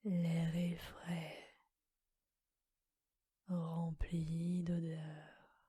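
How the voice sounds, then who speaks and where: A woman guides a relaxation meditation entirely in an unvoiced whisper. Her delivery is very slow and flat, with a breathy, mellow tone. The sound is close and dry. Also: low voice, dry recording.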